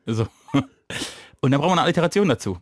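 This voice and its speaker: A man's voice: mid-range voice, lively intonation, brisk, dry recording, clean studio sound. Rambling, playful male podcast host. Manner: rambling, playful, trails off mid-sentence. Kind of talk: casual comedic chat.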